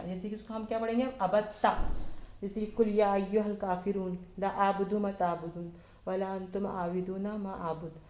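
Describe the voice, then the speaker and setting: A woman teaching Arabic verb forms to a class of women, asking questions and answering them herself, repeating each form slowly. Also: medium pitch, dark tone, reverberant. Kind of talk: slow classroom lesson.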